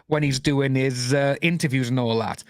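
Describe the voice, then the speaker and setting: A man's voice: medium pitch, steady tone, normal speed, no echo, clean studio sound. A man with a Welsh accent hosting a casual podcast chat, rambling with many restarts and fillers. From Wales. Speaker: podcast host.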